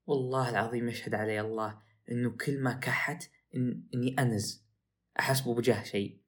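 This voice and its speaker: A young man, hosting a podcast and telling a story in a casual, animated way that rises into excited outbursts. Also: mid-range voice, quick pace. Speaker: podcast host.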